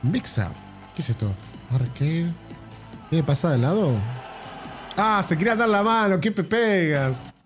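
A man with an Argentine accent giving casual reaction commentary as a streamer, with quick offhand slangy remarks and frequent laughter. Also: on the high side, lively intonation, soft background music. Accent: Argentine Spanish.

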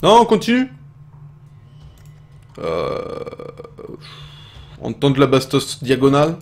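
A young French man giving casual, excitable commentary while playing a game, swearing often and talking to his viewers. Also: medium pitch, takes it slowly. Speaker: gaming video host.

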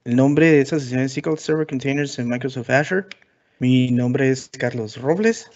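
Guatemalan man, webinar speaker, relaxed, frequent fillers, middle pitch, lo-fi sound. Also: moderate pace. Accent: Guatemalan Spanish. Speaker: conference speaker. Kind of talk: technical webinar presentation.

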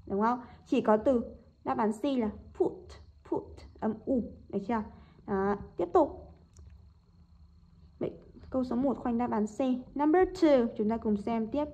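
A woman teacher talks through textbook exercises, saying each word twice and asking her students to confirm. Her voice is fairly high and husky. The recording sounds dull and lo-fi. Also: darkish tone. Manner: repeats words slowly, checks with "đúng không?". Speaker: English teacher.

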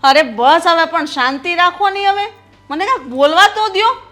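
An actress playing a mother-in-law who scolds and tries to calm her two quarrelling daughters-in-law. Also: very high-pitched, normal speed, soft background music. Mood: exasperated. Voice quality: scolding, exasperated. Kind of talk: village family drama acting.

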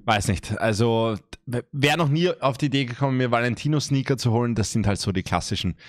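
Young male reaction streamer, mid-pitched, sarcastic about flashy brands, dry close headset sound. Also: brisk, dry recording. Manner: sarcastic, mocks brand flexing. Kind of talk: casual reaction commentary.

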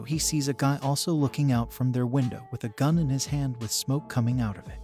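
A man narrating a comic story recap in a steady, plain storytelling manner. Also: mid-range voice.

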